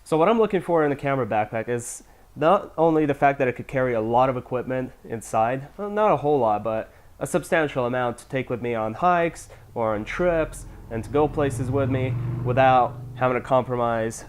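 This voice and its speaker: A man's voice: medium pitch, fairly quick. Man with a nasal, stuffy voice. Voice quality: nasal from a cold. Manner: relaxed, loosely scripted, occasional fillers. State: getting over a cold. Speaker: camera gear reviewer. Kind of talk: casual product review.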